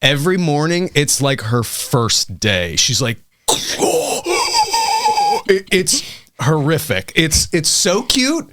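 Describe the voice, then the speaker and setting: A man's voice: a little high, big pitch swings, unhurried, bright, forceful tone, slight background noise. A young man co-hosting a podcast in casual chat, playful and joking, with silly voices now and then. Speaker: podcast co-host.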